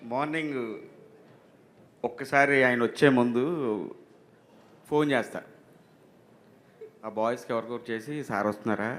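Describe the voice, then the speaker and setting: A man's voice: mid-range voice, unhurried, long pauses. A man telling a comic anecdote from a film set, acting out the dialogue as he goes. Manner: animated storytelling, acting out dialogue. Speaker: film crew member telling a story.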